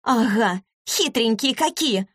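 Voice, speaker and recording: Scheming young woman, shrill and defiant, done by a woman reader, dry sound. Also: lively intonation, normal speed, dry recording.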